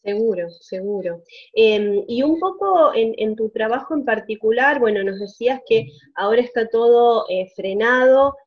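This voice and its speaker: A woman's voice: fairly high pitch, lively intonation, normal speed, highs cut off. A woman hosting an interview, asking long, winding questions and nodding along with short "ujú"s. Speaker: interviewer, host. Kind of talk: conversational interview.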